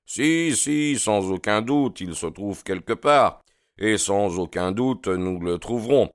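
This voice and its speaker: A man voicing a confident, cordial male detective in an audiobook reading, speaking briskly and earnestly. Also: lowish voice, animated, no echo, studio quality. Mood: earnest, assured.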